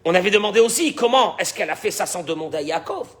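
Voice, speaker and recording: A man's voice: high voice, quick pace. A man, a rabbi teaching the weekly portion, who acts out dialogue and keeps asking his listeners questions. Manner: animated, dramatizes dialogue, repeats words, questions the audience. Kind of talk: Torah class.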